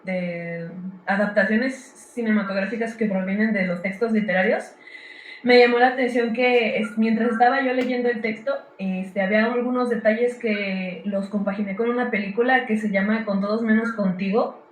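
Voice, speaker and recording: Female student, polite and tentative, higher voice, roomy reverb. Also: fairly even intonation, moderate pace, slight background noise. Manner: hesitant, polite. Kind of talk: audience comment. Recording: echoey room.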